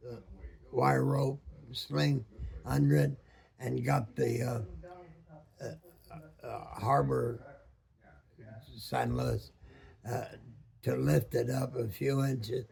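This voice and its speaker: A very old man, over a hundred, a former boat captain reminiscing in a halting way, searching for words with long pauses and many ums. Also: mid-range voice, a little mellow. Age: over 100, very old man. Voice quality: very aged, gravelly, husky voice. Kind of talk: slow reminiscing storytelling.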